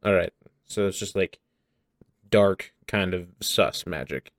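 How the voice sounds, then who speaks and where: A man's voice: low-pitched, slow, dry recording, studio quality. A man playing a tabletop game, talking casually and hesitantly with many fillers. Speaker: player.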